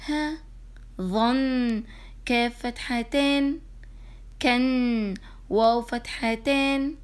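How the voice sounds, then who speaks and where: Lively woman teaching small children. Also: fairly high pitch. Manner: lively, encouraging, asks questions and answers them herself; slow, drawn-out syllables when sounding out words. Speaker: kindergarten teacher. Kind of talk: e-learning lesson for young children.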